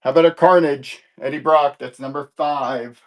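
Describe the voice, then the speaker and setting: A man's voice: fairly high pitch, steady tone, moderate pace. A man hosting a live comic book sales stream in casual chat, rambling and easygoing as he corrects himself and cracks light jokes.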